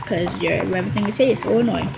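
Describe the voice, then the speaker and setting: A woman giving chatty, excitable gameplay commentary, trash-talking other players as she goes. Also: mid-range voice, fast, vocal fry, noisy background. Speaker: gamer.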